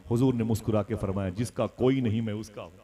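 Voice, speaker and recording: A man's voice: lowish voice, steady tone, fast, dark tone. A male preacher telling a religious story in a sermon, acting out the voices and chanting couplets. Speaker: Islamic preacher. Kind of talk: Urdu-Hindi religious sermon with recited verses.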